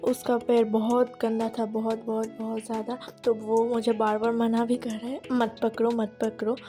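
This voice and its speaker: A woman narrates her day in a relaxed, chatty vlog, joining each thought to the next with "so". Her voice sits a little high, and music plays clearly behind her. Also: moderate pace. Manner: chatty, strings sentences with "so". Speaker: vlogger.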